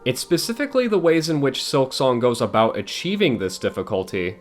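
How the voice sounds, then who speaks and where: A man's voice: medium pitch, sing-song, brisk, faint music behind. A man giving a scripted, blunt and exasperated game critique as a video essayist, swearing now and then.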